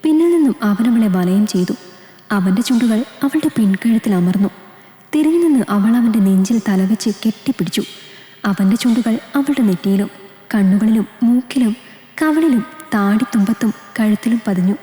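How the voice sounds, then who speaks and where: A woman calmly narrating a romance story from a script. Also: fairly high pitch, moderate pace, faint music behind. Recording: echoey room, long reverb.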